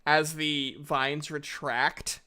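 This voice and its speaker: A man's voice: on the high side, flat delivery, extremely slow, pushed and bright, clean tone. A man narrating as dungeon master of a tabletop game, hesitant and full of fillers. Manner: hesitant, many fillers and restarts.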